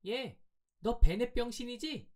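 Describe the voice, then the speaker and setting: A man puts on a spiteful teenage country girl from an old storybook, her voice pitched far above his own. She jeers in a sing-song, mocking way, every word a taunt. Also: measured pace. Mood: jeering.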